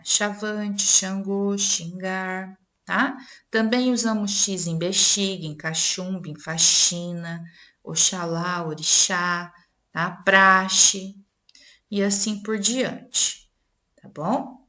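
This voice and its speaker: A woman's voice: medium pitch, slow pace, fairly bright tone. A Brazilian woman teacher giving a spelling lesson, reading out word lists and checking in with the class as she goes. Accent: Brazilian Portuguese.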